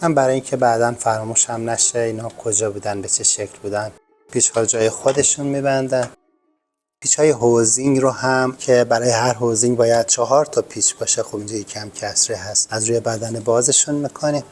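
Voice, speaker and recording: A man walks through a repair one step at a time, calm and polite in his explaining, his voice in the middle of the usual range for a man. Faint music plays behind him. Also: medium pitch. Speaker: host of a home repair channel.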